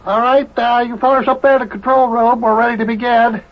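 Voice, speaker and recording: A man's voice: very high-pitched, steady tone, fast. A man voicing a jolly, folksy bandleader who hems and haws, on an old children's record. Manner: folksy, hesitant, drawling, chuckling. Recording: dull old record with band music.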